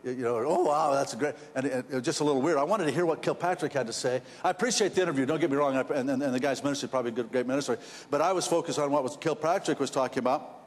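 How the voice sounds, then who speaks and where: A man preaching a sermon, rambling and repeating words as his storytelling builds in excitement. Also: medium pitch, rapid-fire, few pauses, long reverb tail. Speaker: pastor.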